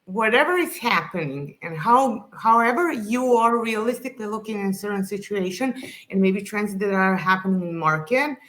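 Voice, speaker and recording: A woman's voice: mid-range voice, animated, moderate pace, a bit bright. A woman from Serbia, speaking as a podcast guest in earnest, casual conversation, often restarting as she searches for words.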